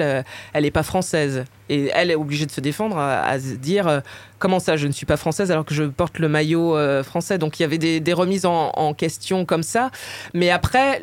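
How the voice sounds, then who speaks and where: A woman's voice: sits low, dry recording. A woman in her forties from the Paris suburbs with a suburban Parisian accent, answering interview questions hesitantly with many fillers. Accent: Paris suburban French. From Paris suburbs, France. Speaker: author and interviewee.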